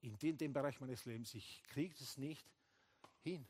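A man preaching a sermon as pastor, animated, acting out short dialogues and dropping English phrases into his German. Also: medium pitch, moderate pace, breathy edge. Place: church hall.

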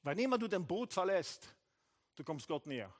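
In a church hall, a male pastor with a high voice preaches a sermon at a moderate pace. He's animated, acts out short dialogues, and slips English phrases into his German.

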